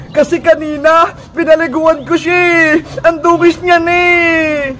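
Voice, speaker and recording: A woman's voice: very high voice, level tone, slow, a bit bright, slight background noise, full character voice. A woman voicing a crybaby little girl who whines and sobs over her lost toy, over background music. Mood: tearful whiny. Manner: whiny, sobbing complaints.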